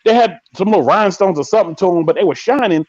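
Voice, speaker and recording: A man hosting a live podcast, chatting casually and telling stories in a slangy, animated way, acting out quoted lines. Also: high voice, very fast, no room sound, lo-fi sound. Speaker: podcast host. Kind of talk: casual live-stream chat.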